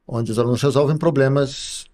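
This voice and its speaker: A middle-aged man, a university professor, explaining things slowly as a podcast guest, with many pauses and tag questions. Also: mid-range voice, fairly even intonation, darkish tone. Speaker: computer science professor guest. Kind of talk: podcast interview.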